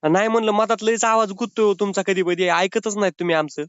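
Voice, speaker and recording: A man's voice: high-pitched, quick pace, a bit bright, clean tone, no room sound. A man making a comic prank phone call, pleading and whining in a mock-sobbing way. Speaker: prank caller.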